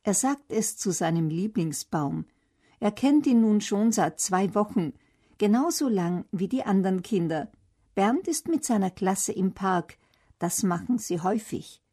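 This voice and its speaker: Storyteller: woman reading a kids' story, slow, mellow and breathy. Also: mid-range voice, lively intonation.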